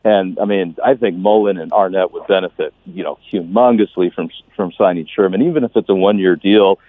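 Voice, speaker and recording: A man's voice: low voice, fairly quick, dry recording. A man calling a sports show, casually and enthusiastically giving his opinion, restarting and stacking his phrases. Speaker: phone-in caller. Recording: tinny phone line.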